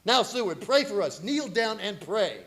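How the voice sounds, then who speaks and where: Vampire-hunting professor, male actor, radio horror: commanding, intense, high male pitch, very animated delivery. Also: normal speed, breathy edge, heavily acted. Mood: urgent command. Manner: intense, declamatory, dramatic. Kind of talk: radio play horror acting.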